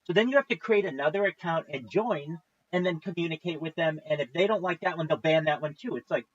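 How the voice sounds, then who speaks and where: A man's voice: a little high, quick pace, slightly rough, no echo, lo-fi sound. A man in his thirties, a livestreamer, tells a long story in a casual, profane, exasperated way. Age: 30s.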